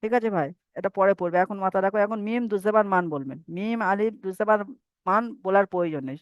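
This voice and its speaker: A man's voice: high voice, fast talker, smooth, no room sound. A man teaching Quran recitation rules in a patient, repetitive way and having students recite after him. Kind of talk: online tajweed lesson. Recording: dry, dull lo-fi mic.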